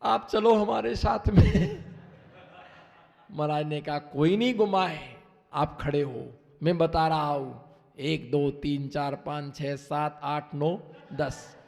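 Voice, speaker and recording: A man preaches as a Jain monk, his high voice slow and sing-song as he recites folk rhymes and acts out parables. He calls out to the listeners and waits for them to answer. His voice rings with the long reverb of a large hall. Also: gravelly, a little mellow.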